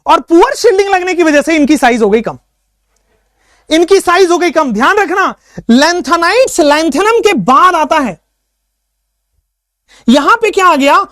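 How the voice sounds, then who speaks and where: A man teaching chemistry in an online class, repeating each point and coaxing his students to answer, and dictating notes very slowly. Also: extremely high pitch, dry recording, studio quality.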